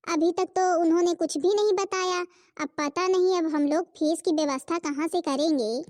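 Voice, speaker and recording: A dutiful young cartoon daughter-in-law, with a very high, bright, sped-up tone. She is earnest and reassuring, always fussing over the family. The recording is close and dry. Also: moderate pace, no room sound, recorded from a distance. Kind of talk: Hindi cartoon voice acting.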